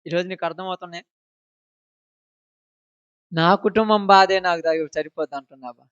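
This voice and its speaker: Male preacher, high smooth voice, impassioned rhetorical sermon style, dull dry lo-fi recording. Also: moderate pace, no room sound. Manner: impassioned, swinging between loud declarations and low asides; rhetorical questions to the congregation. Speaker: pastor.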